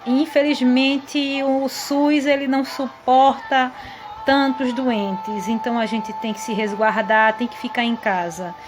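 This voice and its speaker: Brazilian schoolteacher, woman, high-pitched, warm and explanatory, faint music underneath. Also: steady tone, a little slow. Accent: Brazilian Portuguese. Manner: affectionate, asks pupils' questions aloud herself. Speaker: teacher. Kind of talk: online grammar lesson for sixth grade.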